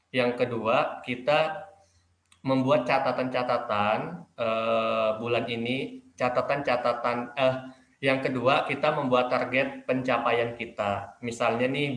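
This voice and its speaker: A man's voice: mid-range voice, a bit bright, reverberant. A young man answering interview questions as a graduating student, polite and hesitant with many fillers. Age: young adult.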